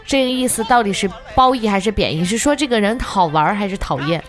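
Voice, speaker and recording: Medium-pitched Beijing woman in casual chat. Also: expressive, fast. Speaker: talk show co-host. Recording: music under the talk.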